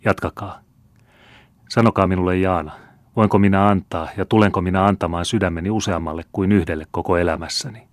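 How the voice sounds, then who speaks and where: A man's voice: deep voice, fairly even intonation, no echo, natural voice. A man voicing a hot-headed seventeen-year-old young nobleman who speaks impatiently and indignantly. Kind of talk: audiobook character reading.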